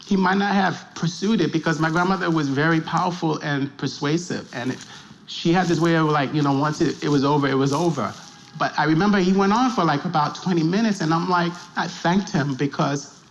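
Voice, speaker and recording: A man from New York speaking haltingly in a documentary interview, telling his story as a survivor and reading his own poem, with many pauses and fillers. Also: fairly high pitch, dull audio, slight background noise.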